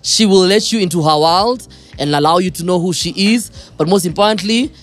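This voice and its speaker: A man's voice: sits high, brisk, a bit bright, soft background music. A man hosting a podcast interview, chatty and teasing, often laughing. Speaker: podcast host. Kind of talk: casual interview chat.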